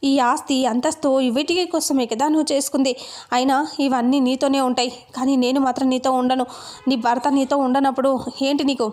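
A woman's voice: high-pitched, fairly even intonation, fairly quick, lightly acted. A woman reading the lines of an angry young husband who feels betrayed, in an accusing tone. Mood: bitter accusing. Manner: accusing, shouting.

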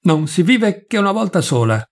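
Man putting on a lively tipsy peasant girl. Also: high-pitched, moderate pace, pitched above the performer's own voice, exaggerated voice. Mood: merry, coaxing.

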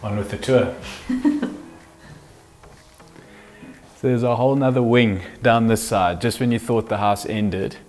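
A man's voice: mid-range voice, steady tone, unhurried, long pauses, darkish tone. A man, hosting a casual walkthrough of an empty old house and chuckling as he points things out. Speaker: house flipper and show host. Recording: echoey empty rooms, light music.

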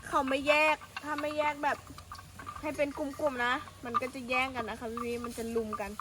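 Young woman vlogger, slightly high voice, chatty and polite, filmed on a phone outdoors amid loud farm noise. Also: steady tone, fairly quick. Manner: chatty, polite, keeps addressing viewers. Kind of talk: casual vlog tour. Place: outdoors at a cattle pen in the forest.

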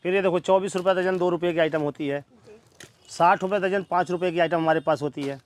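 Shop guy listing prices nonstop, quick and high-pitched, small cramped store. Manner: reels off prices in a steady patter. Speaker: wholesale shopkeeper. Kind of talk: rapid sales price listing. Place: small crowded cosmetics shop, indoors.

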